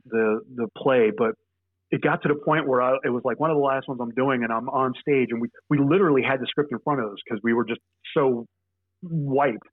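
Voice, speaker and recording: A young man, a podcast guest, telling stories in a halting, rambling way with many restarts. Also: mid-range voice, no room sound, narrow, tinny audio. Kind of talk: casual storytelling.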